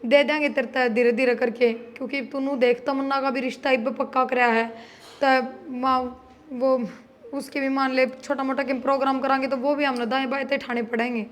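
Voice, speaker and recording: A woman's voice: sits high, little pitch movement, normal speed, lightly acted. A young woman playing a persuasive, scheming married daughter with a Haryanvi accent, in a comedy drama.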